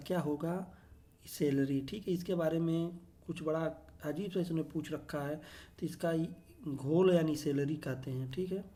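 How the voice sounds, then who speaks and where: A man's voice: on the high side, mellow. Man teaching exam questions. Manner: explains step by step, repeats "theek hai" often; reads English questions slowly, then explains in Hindi. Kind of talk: exam prep lesson.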